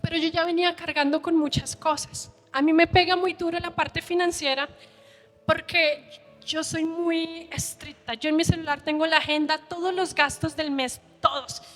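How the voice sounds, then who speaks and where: A woman preaches her own story in a very high, fairly even voice, heartfelt and close to tears. Her words ring out with the long reverb of a church hall. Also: normal speed, soft background music. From Colombia. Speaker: preacher giving testimony. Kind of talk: emotional sermon testimony.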